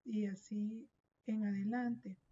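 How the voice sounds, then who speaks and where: Woman, teacher, methodical step-by-step explaining, mellow voice, dull lo-fi recording. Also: medium pitch, flat delivery, breathy edge. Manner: slow, methodical explaining, reading examples aloud. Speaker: English teacher. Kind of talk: recorded lesson walkthrough.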